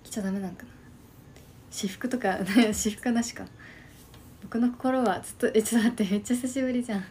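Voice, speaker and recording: Woman in her early 20s, casual live-stream chat, soft half-whispered delivery, mellow tone, streaming from home. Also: fairly high pitch, fast talker, slight background noise. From Shimane, Japan. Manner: soft, quiet, often half-whispered talk. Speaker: livestream host. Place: at home by an open window.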